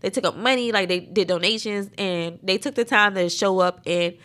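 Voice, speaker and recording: Young woman from south carolina, bright voice, chatting emphatically on a podcast. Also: medium pitch, moderate pace. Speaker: podcast co-host. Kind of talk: casual chat.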